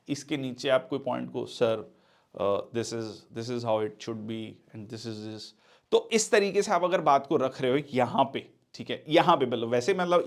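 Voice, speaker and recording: A man teaching interview body language, mixing Hindi and English and filling pauses with "theek hai" as he demonstrates gestures. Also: fairly high pitch. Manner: demonstrates gestures while explaining. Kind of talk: interview coaching lecture.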